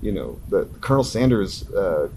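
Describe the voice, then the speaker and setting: Lively, animated musician in his thirties. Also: sits low, normal speed, gravelly, slight background noise. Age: 30s. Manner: animated storytelling, laughing often, acting out own reactions. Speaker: musician guest. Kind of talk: casual interview.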